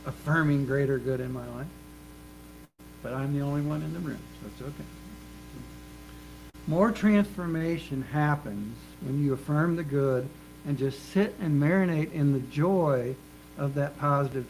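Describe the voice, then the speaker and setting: A man's voice: mid-range voice, vocal fry, darkish tone, rough recording. A man preaching a sermon in an earnest, emphatic way, repeating phrases for rhythm. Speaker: minister. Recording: faint mains hum.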